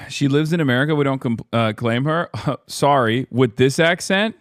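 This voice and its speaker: A man's voice: mid-range voice, unhurried, dry recording. Sarcastic male streamer, dry close mic. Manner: sarcastic, mocking, swears freely. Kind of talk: casual reaction commentary.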